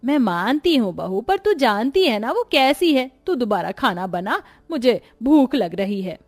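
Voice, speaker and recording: A woman's voice: very animated, unhurried, darkish tone, faint music behind, exaggerated voice. Cartoon mother-in-law, older and tired, scolds the young women, voiced by a woman. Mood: weary. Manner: tired, scolding, lower and heavier voice. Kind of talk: cartoon voice acting.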